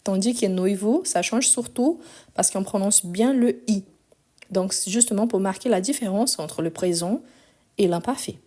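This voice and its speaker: A woman's voice: mid-range voice, moderate pace, warm tone. A woman teaching a live online grammar lesson, patiently explaining step by step and spelling out endings letter by letter, her voice a bit weak, recorded on a phone. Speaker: French teacher.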